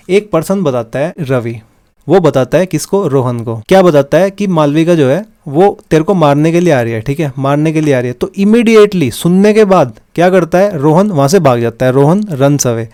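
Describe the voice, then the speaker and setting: A man explains a law lesson with examples in Hindi, mixing in English legal terms and frequently checking understanding with "theek hai." His voice is fairly high-pitched with a dark tone.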